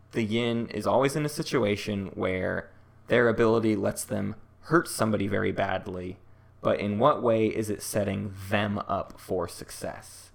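A man with a low voice and a gravelly, creaky edge co-hosts a laid-back podcast. He talks strategy in an easygoing, analytical way and laughs easily. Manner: chatty, analytical, quick to laugh. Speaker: podcast co-host. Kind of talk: casual podcast discussion of a board game.

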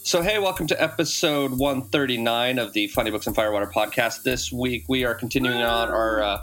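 A man's voice: medium pitch, brisk, fairly bright tone, soft background music. A man hosting a comics and cocktails podcast, chatting casually with a wry, cynical humor. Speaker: podcast host. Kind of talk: casual chat.

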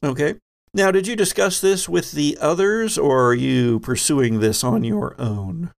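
A man serving as host and game master narrates a tabletop game podcast, building drama through his phrasing and purposeful pauses. His voice sits on the high side with vocal fry.

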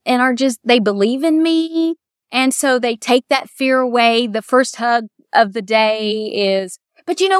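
A middle-aged woman with a Kentucky accent, a bridal shop owner talking warmly and at length in a casual interview. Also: on the high side, no echo, clean studio sound. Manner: chatty, heartfelt, quotes others in lively voices.

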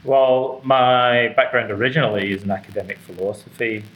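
A middle-aged man from Scotland, an author and psychotherapist, answers interview questions in an explanatory, academic style. His voice is mid-range at a moderate pace, the high frequencies are cut off, and there is clearly noisy ambience behind him.

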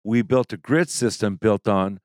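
An older man from Alberta, explaining things in an unhurried casual chat. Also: on the low side, a little mellow, no room sound, clean studio sound. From Alberta, Canada. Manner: unhurried, explanatory storytelling with chuckles. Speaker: guest.

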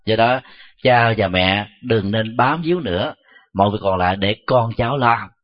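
A man, a Buddhist monk, giving a measured dharma talk and answering questions, pausing often with soft fillers. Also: fairly low pitch. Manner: slow, measured, frequent filler "à". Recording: dull lo-fi recording.

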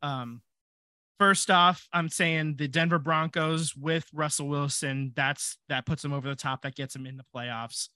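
A man's voice: fairly high pitch, steady tone, a little slow, sharp tone, clean tone, no room sound. A man co-hosting a casual sports podcast, thinking aloud with fillers and restarts. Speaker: podcast co-host.

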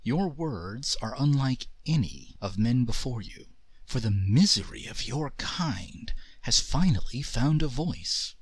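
A man voicing a slow, grave ancient jinn. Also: medium pitch, sing-song, fairly bright tone, heavily acted. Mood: soft, solemn. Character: mighty ancient male jinn, thunderous and proud.

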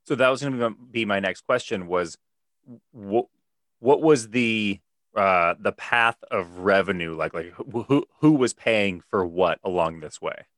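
Deep voiced guy hosting a podcast, stumbles and repeats words, dry sound. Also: a bit bright, dry recording. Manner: halting, repeats words when asking. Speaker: podcast host. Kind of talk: interview questions.

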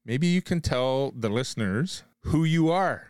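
A man from Quebec hosting a podcast, chatting in a relaxed, friendly way. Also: medium pitch, a little slow, dry recording. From Quebec, Canada. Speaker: podcast host. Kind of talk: casual chat. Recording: dry close sound.

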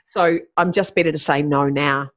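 A woman's voice: sits low, steady tone, moderate pace. A woman in her fifties, talking as a guest in a casual interview, blunt and brash, swearing freely and laughing often. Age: 50s. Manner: driven and brash.

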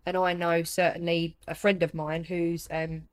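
Female British host for a conversational interview; slightly low register, empathetic, chatty delivery. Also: flat delivery, moderate pace.

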